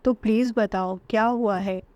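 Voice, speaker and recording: A woman's voice: medium pitch, fairly even intonation, moderate pace, a little mellow, no room sound, muffled recording, close to an everyday voice. A woman voicing a possessive, short-tempered young husband in a storybook narration, in her own everyday voice. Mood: pleading.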